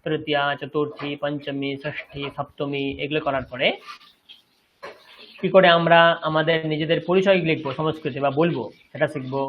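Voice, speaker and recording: Speaking at normal speed in a steady, slightly high voice, a man from West Bengal, India, with a Bengali accent, gives an online Sanskrit lecture. He is patient and explanatory and checks that his students follow. The recording is dull and lo-fi, with slight background noise.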